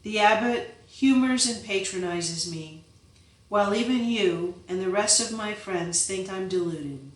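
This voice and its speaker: A brooding, earnest young monk who pours out his frustration with intense, slow words, as a woman reading the book gives him voice. The voice sits away from the microphone in an echoing room. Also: mid-range voice, distant mic, lightly acted. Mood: anguished. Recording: roomy, voice set back from the mic.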